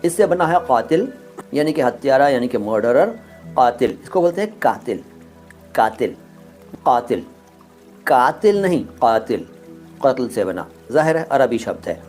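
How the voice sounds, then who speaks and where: A man giving a pronunciation lesson, saying each word slowly and carefully and repeating it. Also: medium pitch, lively intonation, a little mellow, soft background music. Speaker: language teacher.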